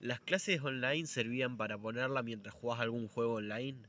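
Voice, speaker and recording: A man's voice: mid-range voice, normal speed, a bit bright. Laid-back young Argentine man. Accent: Argentine Spanish. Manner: laid-back, slangy and profane. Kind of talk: casual chat.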